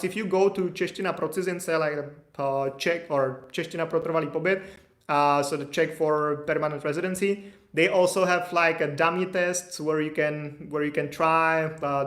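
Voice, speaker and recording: This thirtysomething immigration consultant, his voice a little high and fairly bright, hosts a live stream from an echoey room. He reads viewers' chat questions aloud and answers in a rambling, conversational way with plenty of fillers and false starts.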